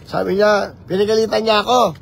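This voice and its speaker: A man chatting on a live vlog from inside a moving vehicle, talking in an animated and preachy way as he mixes languages. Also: high voice, fairly quick, gravelly, a little hiss or hum. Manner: animated, code-switching, preachy. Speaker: vlogger campaigning for office.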